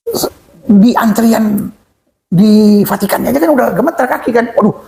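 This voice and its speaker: A male pastor, a guest in an interview, telling an anecdote in an animated, excitable way, often exclaiming and shifting his pace for effect. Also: sits high, normal speed, creaky. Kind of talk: animated storytelling in a conversational interview.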